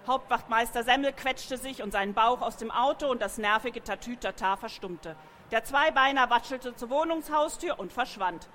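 A woman reading a children's animal story aloud in a lively way, adding sound effects. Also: a little high, moderate pace, slight background noise.

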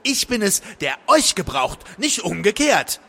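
A man voicing a frantic male occultist who proclaims loudly in a raised voice and stammers when flustered. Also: big pitch swings, slow pace, creaky, breathy edge, in a large hall, exaggerated voice. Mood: demanding. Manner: stammering, high-pitched proclaiming. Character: frantic male occultist, pompous yet fearful.

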